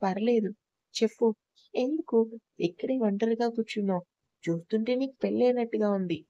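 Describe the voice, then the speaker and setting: Kind middle-aged woman, soft consoling questions; audio story, read by a woman; mellow, slightly dull lo-fi recording. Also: a little high, brisk, dry recording.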